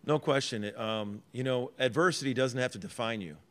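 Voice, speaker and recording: A middle-aged man speaks as a basketball head coach at a press conference. He talks earnestly into a table microphone, circling back on his words with fillers and restarts. His voice sits at an ordinary middle pitch. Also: fairly quick, fairly bright tone.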